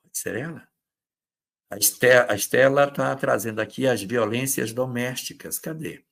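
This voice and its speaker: A man leads an informal spiritist talk on relationships. His voice is gravelly and a bit husky, sitting at an ordinary pitch. He talks conversationally with hesitations and bursts into short impressions of controlling partners. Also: normal speed, a bit bright. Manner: acts out quoted abusive partners in brief bursts; conversational, with hesitations and reading out viewers' comments. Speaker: spiritist lecturer hosting a live talk.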